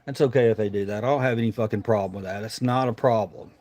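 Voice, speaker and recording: This livestream host has a fairly low, darkish voice with a steady tone and a quick pace. With tobacco dip in his lip, he chats casually and rambles informally, dropping the occasional swear word.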